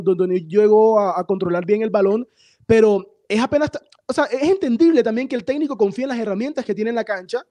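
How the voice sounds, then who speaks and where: A man giving sports radio commentary, explaining a match calmly and addressing the listeners directly. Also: high voice, dry recording.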